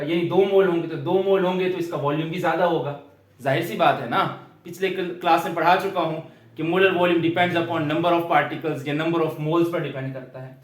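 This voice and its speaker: A man's voice: sits high, far from the mic. A young man with a Pakistani Urdu accent giving a chemistry lecture, explaining step by step and often checking in with his students. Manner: explains step by step, often adds "theek hai". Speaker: chemistry teacher. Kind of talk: classroom lecture. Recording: echoey room, voice from afar.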